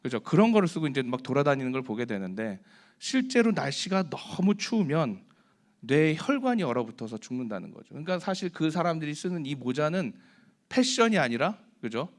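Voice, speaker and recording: A man giving a conversational Bible sermon, asking his listeners questions and acting out quoted prayers. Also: a little high. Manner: asks the listeners rhetorical questions; acts out quoted prayers and complaints. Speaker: preacher.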